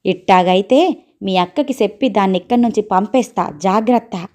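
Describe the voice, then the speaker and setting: A woman reading a storybook, voicing a stern middle-aged aunt who scolds in sharp village speech. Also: medium pitch, moderate pace, natural voice. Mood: scolding.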